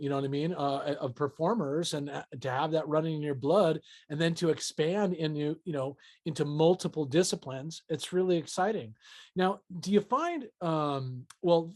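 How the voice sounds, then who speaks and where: A man's voice: fairly high pitch, darkish tone. A man hosting an interview, asking questions in a rambling, enthusiastic way with many fillers like you know. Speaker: interview host.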